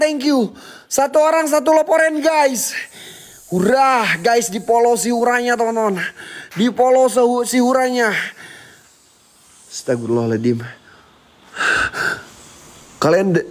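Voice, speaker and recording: High-voiced young man taunting spirits. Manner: taunts spirits, shouting challenges; mutters rapid prayers and exclamations. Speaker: ghost-hunting vlogger. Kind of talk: paranormal investigation vlog. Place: abandoned building at night.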